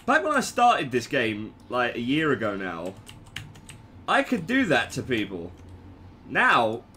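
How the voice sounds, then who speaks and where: A man's voice: medium pitch, wildly swooping pitch, takes it slowly, pushed and bright, slight background noise. A man casually commenting on his own gameplay, joking and stammering through restarts.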